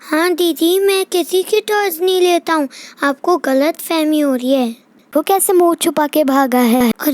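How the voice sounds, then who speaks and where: A mischievous little boy schemes under his breath in a very high, childish voice. He talks slowly and slyly, and the sound is close and dry. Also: darkish tone, dry recording. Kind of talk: toy doll play voice-over.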